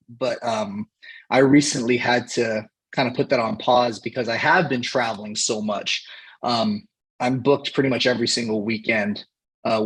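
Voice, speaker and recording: Husky-voiced man from Hawaii. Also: medium pitch, poor audio. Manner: unhurried, pausing often to find words. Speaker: cheer coach, podcast guest. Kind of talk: casual interview talk.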